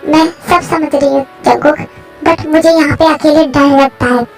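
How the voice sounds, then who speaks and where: Woman voicing a scared stubborn young woman, fan story, high-pitched, faint music behind. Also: fairly even intonation, moderate pace. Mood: reassuring. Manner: frightened, refusing.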